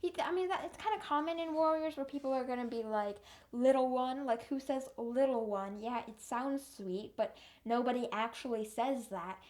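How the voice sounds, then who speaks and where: Young woman ranting about a book, exasperated, kinda high voice, rambly. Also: brisk, hardly any pauses. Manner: exasperated, animated, rambling with restarts. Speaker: book reviewer. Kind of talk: casual ranting review.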